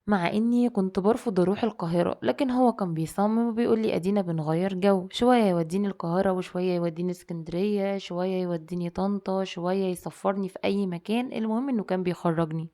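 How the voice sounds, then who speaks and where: A woman's voice: mid-range voice, fast talker, few pauses, dark tone. A woman with an Egyptian Arabic accent narrating a dramatic first-person story in a chatty, colloquial way.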